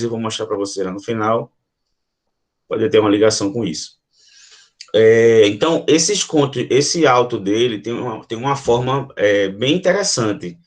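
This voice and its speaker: Brazilian man, literature teacher, mid-pitched voice, explanatory, lots of fillers, checks in with the class. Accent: Brazilian Portuguese. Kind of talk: literature lesson.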